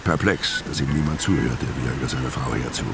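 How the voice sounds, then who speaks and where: A man with a very deep voice talks a little fast through heavy noise. He's an actor in a radio crime drama, narrating in first person as a laconic, brooding, world-weary middle-aged tough guy.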